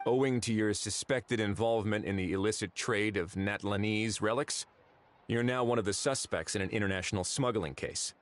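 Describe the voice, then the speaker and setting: A man's voice: on the low side, moderate pace, close to an everyday voice. An actor voicing a composed, authoritative male investigator in a video game.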